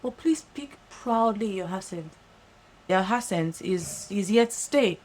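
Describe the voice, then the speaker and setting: Woman host, Nigerian accent, animated and emphatic casual monologue. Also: mid-range voice, a little slow. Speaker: podcast host.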